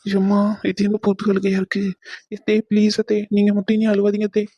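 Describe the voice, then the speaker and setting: A woman's voice: mid-range voice, monotone, a little fast, warm tone, highs cut off, natural voice. A woman voicing a patient young husband-to-be in a cartoon, coaxing and placating. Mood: flustered. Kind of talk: cartoon voice acting.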